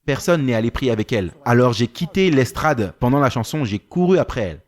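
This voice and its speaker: A man's voice: mid-range voice, animated, fairly quick. A male preacher telling a story in a sermon, acting out the dialogue with animation.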